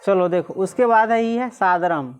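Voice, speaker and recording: A woman teacher, reading Sanskrit slowly syllable by syllable and quizzing the class again and again. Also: medium pitch, smooth. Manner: repeatedly quizzes listeners, slow syllable-by-syllable reading.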